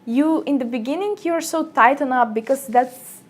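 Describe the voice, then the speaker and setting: A young woman from Slovenia, speaking English as a second language, chatting as an interview guest and acting out little quoted exchanges with lively energy, recorded in a small office room. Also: moderate pace. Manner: lively storyteller, acts out quotes in a higher voice. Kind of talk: casual interview chat.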